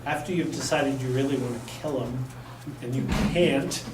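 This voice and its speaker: Addressing a room of volunteers at a community center, a man leads a casual training session, joking bluntly and tossing in emphatic asides. Heard from afar in an echoey room with a little background noise, his medium-pitched voice keeps a normal pace.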